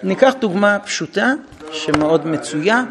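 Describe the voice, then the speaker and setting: A man giving an informal parenting talk to a group, telling stories and acting out dialogues between parent and child. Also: sits high. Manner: animated storytelling, acting out dialogues. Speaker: parenting lecturer.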